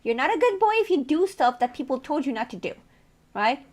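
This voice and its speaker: Female streamer, slightly high voice, casual teasing chat with viewers, frequent laughs. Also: sing-song, fairly quick, a little mellow. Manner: playful, laughs often, teasing.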